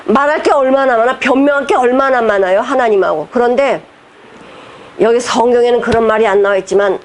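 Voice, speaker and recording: Woman pastor, emphatic sermon delivery, rhetorical questions, fairly high voice. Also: brisk. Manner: emphatic, talks straight to the congregation with rhetorical questions; mixes formal preaching with casual speech.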